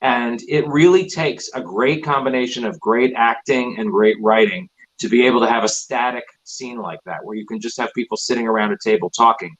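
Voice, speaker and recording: A man's voice: mid-range voice, a little fast, hardly any pauses, fairly bright tone, rough recording. A man speaking as a guest author, explaining things casually in an interview.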